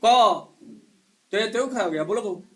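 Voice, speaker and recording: A male chemistry teacher in a live class, quizzing students one by one and hushing the noisy ones. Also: high-pitched, animated, moderate pace. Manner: quizzes students one by one, scolds and hushes them. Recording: echoey classroom.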